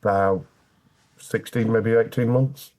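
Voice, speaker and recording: British male podcast guest, slightly deep voice, candid and plain-spoken, with wry, dry humour. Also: fairly even intonation, slow, darkish tone. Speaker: interview guest. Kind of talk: candid personal storytelling in conversation.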